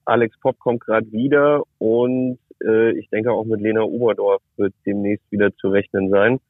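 A man speaking over the phone from his car, a reporter giving a relaxed, matter-of-fact take in casual chat. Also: lowish voice, normal speed, dry recording. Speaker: reporter and club expert. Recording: tinny dry phone line.

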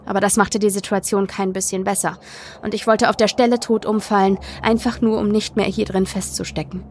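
Woman, audiobook narrator, first person, measured dramatic reading, creaky voice, faint ambience. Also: mid-range voice, little pitch movement, a little hiss or hum.

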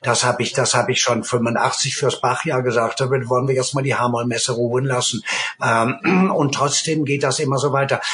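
A man's voice: medium pitch, fairly bright tone. Emphatic middle-aged man, rambling and humming. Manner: emphatic, digressive, hums musical phrases. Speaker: guest, conductor and violinist. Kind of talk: interview conversation.

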